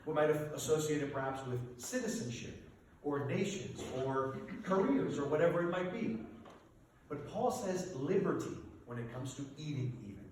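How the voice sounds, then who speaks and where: A man preaching a sermon from a distance in a heavily echoing church sanctuary, with faint room noise behind him. His voice sits a little high for a man and swings widely in pitch as he leans on rhetorical questions. He is a priest addressing his congregation with emphatic energy. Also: expressive, normal speed, a little mellow.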